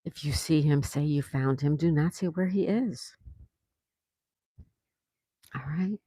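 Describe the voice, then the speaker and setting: An older woman chats her way through a livestream, reading comments from viewers and laughing along. Her voice is warm and mellow, recorded close and dry with no room around it. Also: low-pitched, slow pace, breathy edge, no echo. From South Florida, USA. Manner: chatty, reads comments aloud, laughs often. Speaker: livestream host reading chat. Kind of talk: casual live-stream chat.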